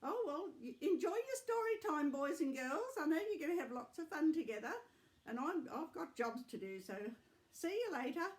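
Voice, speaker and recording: A woman's voice: high voice, big pitch swings, normal speed, pitched above the performer's own voice. A woman voicing a chatty, fussy elderly grandmother who rambles fondly. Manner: rambling, warm, chuckling.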